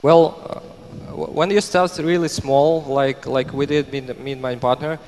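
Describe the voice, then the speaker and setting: A man's voice: medium pitch, steady tone, a little slow, darkish tone. A young man from Russia speaking on a conference panel, with many repeated words and restarts. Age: young adult. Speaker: panelist, entrepreneur. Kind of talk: panel discussion. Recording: echoey hall, faint background noise.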